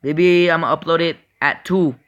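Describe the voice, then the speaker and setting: Bright excitable young guy commentating a game. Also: a little high, normal speed, dull audio. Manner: chatty, excitable, apologetic, talks to viewers. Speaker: gaming channel host. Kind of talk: casual gameplay commentary.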